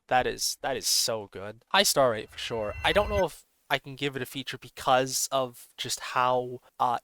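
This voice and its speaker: A man giving casual gameplay commentary, excitable and laid-back, full of swearing and surfer-bro slang. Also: mid-range voice, no echo. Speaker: gaming video host.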